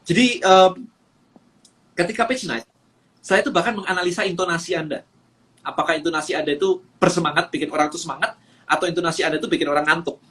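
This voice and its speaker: A high-pitched man from Indonesia coaches on a live stream. He talks with lots of energy, scattering English phrases and fillers through his points. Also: fast talker, pauses often, bright, forceful tone. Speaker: business coach.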